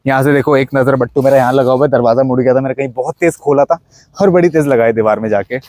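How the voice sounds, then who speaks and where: Speaking fast at a medium pitch, this young man has a slightly mellow voice and no room sound behind him. With an Indian accent, he chats his way around his modified car, pointing out features and switching between Hindi and English.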